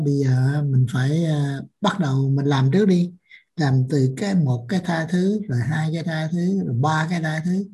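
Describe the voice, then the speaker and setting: A woman's voice: sits low, warm tone, slightly rough. A woman earnestly recounting her teacher's lessons in a spiritual discussion. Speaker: discussion guest.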